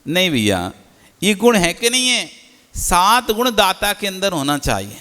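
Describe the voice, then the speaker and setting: A man's voice: sits high, huge pitch swings, a little slow, bright, forceful tone, big-room sound. A man, a Jain monk, giving a teacherly sermon and often putting questions to his listeners. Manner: rhetorical questions to the audience, teacherly.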